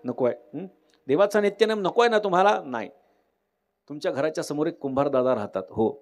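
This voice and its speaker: A man voicing a patient, wise holy man who coaxes and gently persuades. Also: a little high, expressive, fairly quick. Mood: coaxing.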